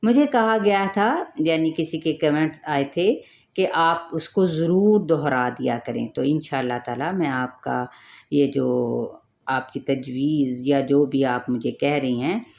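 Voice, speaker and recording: Slow, low-voiced woman teaching recitation. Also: creaky, a little mellow. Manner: explains rules step by step, stretches recited words slowly. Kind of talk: tajweed lesson, explaining then reciting.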